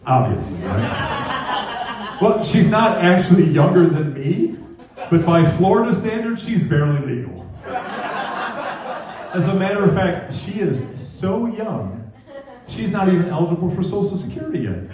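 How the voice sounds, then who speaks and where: An older man doing a stand-up comedy set, telling wry stories with pauses before the punchlines, on a club stage with the audience laughing. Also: high-pitched, big pitch swings, a crowd in the background. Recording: echoey club room from a distance.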